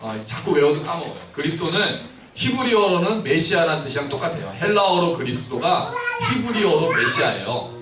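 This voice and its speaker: Brief: bright-voiced male preacher, playful and questioning, heard from a distance in a reverberant sanctuary. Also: on the high side, sing-song, fairly quick, hardly any pauses. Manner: playful, questioning, acts out the scripture scenes. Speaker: pastor. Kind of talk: lively sermon to a congregation with children. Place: church sanctuary. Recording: roomy church hall, mic at distance, faint noise.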